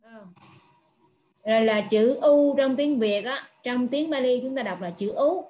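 A woman teaches as a Buddhist nun. She explains each sound patiently, pausing often and filling the gaps with soft hesitation sounds. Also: a little high, slight background noise. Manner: patient, slow explaining with frequent filler sounds. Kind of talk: online pronunciation lesson.

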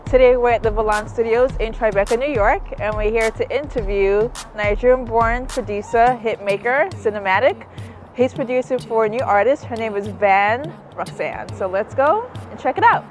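A woman's voice: a little high, normal speed, soft background music. A young woman hosting an interview show, introducing her guest and asking short questions. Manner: brief prompts and affirmations. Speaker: host.

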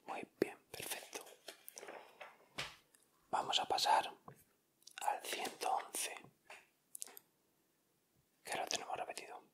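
Indoors at a table, a man whispers in ASMR style for his video. His narration of every item is soft, slow, and carefully deliberate.

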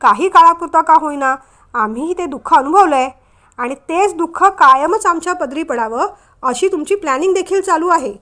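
Woman reading as stern elder brother, scolding, sharp, audiobook drama, high pitch. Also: lively intonation, normal speed, full character voice.

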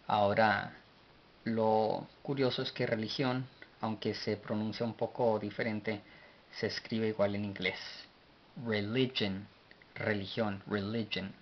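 Man, low voice, very slow, deliberate letter-by-letter teaching; dull lo-fi recording with faint hiss. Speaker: language teacher. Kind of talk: slow spelled-out language lesson.

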